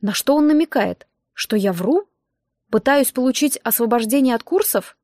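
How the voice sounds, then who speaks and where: A woman reading a first-person audiobook in a measured, even storytelling manner. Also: a little high, no echo, clean studio sound. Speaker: audiobook narrator.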